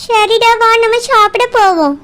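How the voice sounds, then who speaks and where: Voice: very high-pitched, normal speed, a bit bright. A performer voicing a cheerful elder sister in a village cartoon, with a Kanyakumari Tamil accent. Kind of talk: cartoon voice acting.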